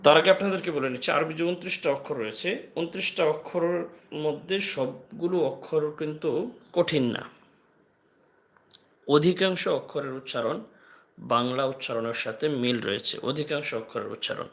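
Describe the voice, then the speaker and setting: Bright-voiced man teaching letter sounds. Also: a little high. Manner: slow drilled letter sounds with repeated examples; patient explaining. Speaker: Arabic alphabet teacher. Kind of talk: live online lesson.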